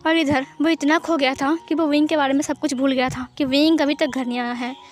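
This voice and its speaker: High-voiced female storyteller, plain steady narration of a fan story. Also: a little fast, faint music behind. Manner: plain, steady retelling with English words mixed in. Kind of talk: retelling a fan story aloud.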